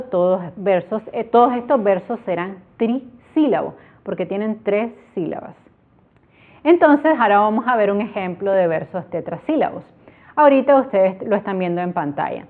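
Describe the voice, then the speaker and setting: A woman teacher walks through a poetry lesson step by step, clapping out each syllable as she explains. Her voice sits at a middle pitch. The sound is thin and tinny, like a phone line. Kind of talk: online grammar tutorial.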